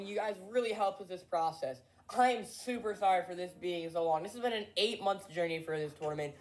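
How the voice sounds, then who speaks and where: A woman narrating the recap of a game tournament in an earnest, apologetic and thankful way. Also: medium pitch.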